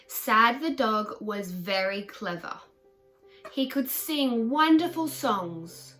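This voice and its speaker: A woman's voice: on the high side, lively intonation, takes it slowly, a bit bright, soft background music. A woman storyteller reading a picture book aloud to children in a simple, child-directed way.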